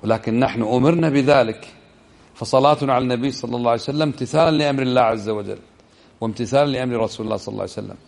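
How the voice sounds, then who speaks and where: A man giving a religious lesson, explaining step by step and checking the listeners with quick questions, slowing down over quoted verses. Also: medium pitch, creaky. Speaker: religious teacher.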